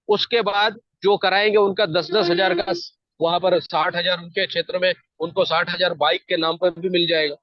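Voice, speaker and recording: A man's voice: high voice, no echo. A man giving a persuasive, repetitive motivational talk as a network marketing team leader. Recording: dull, dry lo-fi sound.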